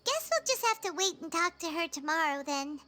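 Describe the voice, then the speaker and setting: Paimon, squeaky fairy companion. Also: female voice, big pitch swings, fairly quick, noisy background. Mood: chatty. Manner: refers to herself in third person, squeaky and whiny. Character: tiny floating fairy-like girl companion, excitable and bossy. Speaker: game companion character. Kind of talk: video game voice acting.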